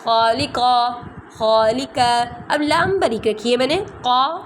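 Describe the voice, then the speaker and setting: A woman teaching a tajweed lesson, patiently repeating letter sounds slowly and checking that students follow. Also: sits high, lively intonation, a little hiss or hum. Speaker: Quran recitation teacher.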